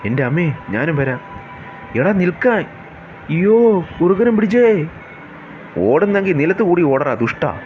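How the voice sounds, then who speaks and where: A panicked little male cartoon animal shrieks and yells as he runs, as a man puts him on. The voice jumps high and swings wildly. It sits on a dull, lo-fi track with clear music underneath. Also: a little hiss or hum. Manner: shrill, frantic shouting.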